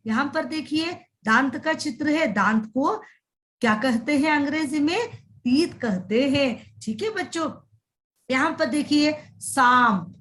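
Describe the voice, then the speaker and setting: A woman's voice: high-pitched, a bit bright. A woman teaching young children in a recorded lesson voice-over, drawing out words in a sing-song way and repeating them.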